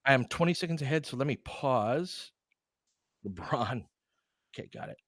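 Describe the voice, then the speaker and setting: A man calls basketball play-by-play for a laid-back fan livestream, mixing quick clipped phrases with conversational asides. He speaks at a normal speed in a medium pitch, slightly bright, with lively intonation, and the recording is dry and clean like a studio.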